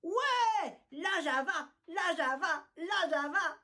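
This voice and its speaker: A woman voicing a rowdy gang of mangy alley cats who jeer in shrill shouts. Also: takes it slowly, full character voice.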